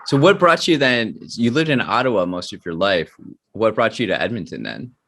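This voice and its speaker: A man's voice: lowish voice, very animated, normal speed, a bit bright. A man hosting an interview podcast, upbeat, often restarting his questions. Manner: upbeat, stumbles over his questions, laughs easily. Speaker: podcast host.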